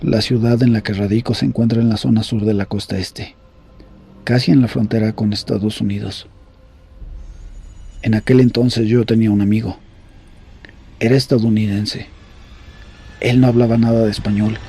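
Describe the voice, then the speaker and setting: A man reading horror stories aloud in a grave, measured storytelling voice. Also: fairly low pitch, mellow, breathy edge. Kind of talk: scripted horror story narration.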